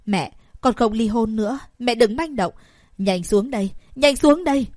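A woman's voice: fairly high pitch, normal speed, darkish tone, no echo, clean studio sound, close to an everyday voice. A woman voicing an anxious, dutiful young wife in an audiobook, pleading with and placating her mother. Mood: panicked. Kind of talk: audiobook character voice.

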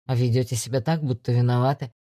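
A woman voicing a calm male police investigator who talks low, steady and coaxing in an audiobook. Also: quick pace. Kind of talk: audiobook reading.

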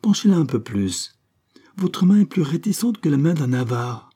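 A man's voice: medium pitch, moderate pace, mellow, voice pushed up, natural voice. A man voicing a playful, spoiled young countess with a teasing, imperious manner.

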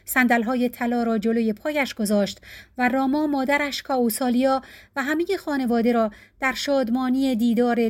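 A woman narrating an audiobook of old tales in a measured, formal reading. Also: on the high side. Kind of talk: storybook narration.

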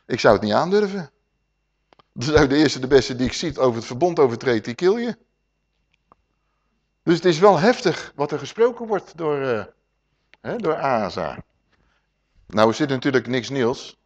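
A middle-aged man preaching a lively Bible teaching, asking the congregation questions and acting out voices. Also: mid-range voice. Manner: animated, rhetorical questions to the congregation, acts out voices. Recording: dull lo-fi sermon recording.

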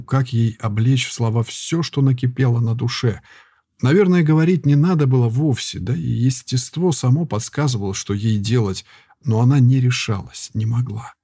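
A man reads a novel aloud in a measured, intimate way. His voice is dark and husky. The recording is close and dry, with no room sound. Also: medium pitch, no room sound. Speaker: audiobook narrator. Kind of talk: scripted narration.

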